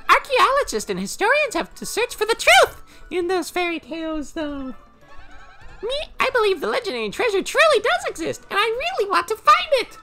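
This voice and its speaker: A man's voice: very high voice, huge pitch swings, normal speed, sharp tone, soft background music, pitched above the performer's own voice, full character voice. A man voicing an eager young female Goomba archaeology student while reading game dialogue on stream.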